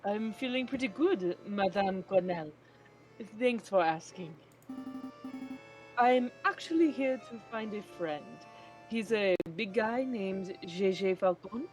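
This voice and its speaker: A polite male sparrow assistant from a video game, voiced by a woman, speaks with animated intonation at an easy pace. He comes across as hesitant and courteous, with faint music behind him. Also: mid-range voice, slow, poor audio. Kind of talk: video game character voice read aloud.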